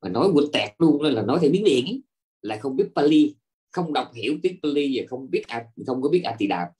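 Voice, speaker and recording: A man's voice: medium pitch, brisk. Monk guy teaching dharma class, voice goes up and down a lot, keeps asking the room questions, stumbles on fillers. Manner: animated lecturing with rhetorical questions; repeats filler words while searching.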